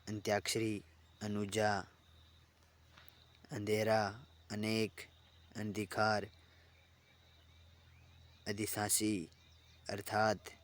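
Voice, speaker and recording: Slow, flat-voiced male teacher. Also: lowish voice. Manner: slow, even, reading out word lists; repeats and restarts phrases while explaining. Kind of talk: online exam-prep lesson.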